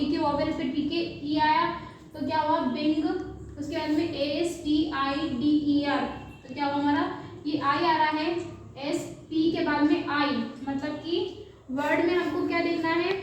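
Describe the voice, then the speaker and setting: A woman, teaching a phonics lesson for beginners. She spells out letters slowly and asks and answers her own questions. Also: high-pitched. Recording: very echoey room, voice from far off, faint background hum.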